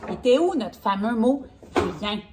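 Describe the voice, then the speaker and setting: A woman reads a picture book to a young child, pausing to sound out words with drawn-out care. Her voice sits fairly high, and her delivery is unhurried and patient. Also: expressive, a little mellow, a little hiss or hum. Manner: slow, exaggerated, sounding out words. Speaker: speech therapist. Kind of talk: interactive read-aloud for a young child.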